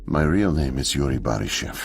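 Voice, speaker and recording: An actor playing a weak, weary old janitor who is secretly a spy, speaking slowly and low in a video game. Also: male voice, animated, gravelly, full character voice. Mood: recounting. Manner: slow, low confessional delivery. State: weak and thirsty. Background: game music.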